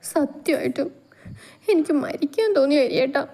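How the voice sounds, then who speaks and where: Woman voicing a sobbing young woman, high and strained. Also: little pitch movement, slow pace, mellow. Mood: tearful pleading. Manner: tearful, pleading, high strained voice.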